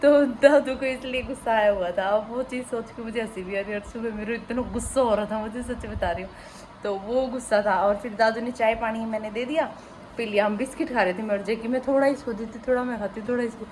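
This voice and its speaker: A woman's voice: a little high, steady tone, a little fast, a little mellow. Chatty Haryanvi woman vlogging at home. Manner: chatty, emotional storytelling with teasing asides. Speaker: family vlogger. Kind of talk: casual vlog chat. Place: home kitchen. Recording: noisy home phone recording.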